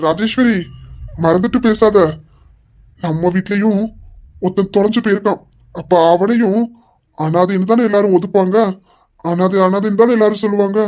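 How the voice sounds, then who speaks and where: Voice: medium pitch, moderate pace, long pauses, darkish tone, close to an everyday voice. A performer voicing a regretful middle-aged man, a chairman, pleading with his elder sister in an amateur audio drama. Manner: pleading, remorseful.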